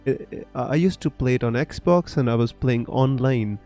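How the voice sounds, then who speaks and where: Soft music plays behind this fantasy football streamer, a young man from Punjab in North India whose dark, medium-pitched voice moves at a normal speed. His accent is a blend of international English picked up from gamers worldwide, and he reads out viewer comments with plenty of fillers and false starts.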